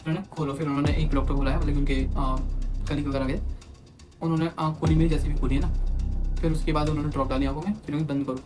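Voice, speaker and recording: A young man tells a personal story at a quick, tumbling pace, his voice sitting a little high. He is animated and acts out what others said to him. Music plays clearly underneath. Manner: animated, quotes others in acted asides. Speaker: vlogger. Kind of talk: casual storytelling.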